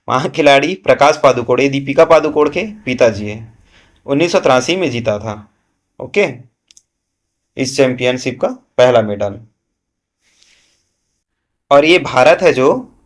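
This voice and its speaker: A man walks students through current affairs like a coaching class teacher. He keeps asking a question, then answers it himself, and checks in often with "है ना". His pitch sits in an ordinary middle range.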